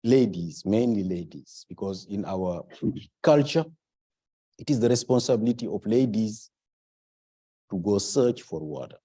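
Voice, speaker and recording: A man from Senegal speaking on a conference panel, halting at times as he searches for words and stressing his key points. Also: fairly low pitch, dark tone.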